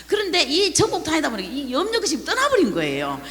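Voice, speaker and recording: Older woman, animated church testimony. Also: sits high, fast, slight background noise. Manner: animated, heartfelt storytelling with laughs. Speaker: pastor's wife giving testimony. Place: large worship hall. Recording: long hall reverb.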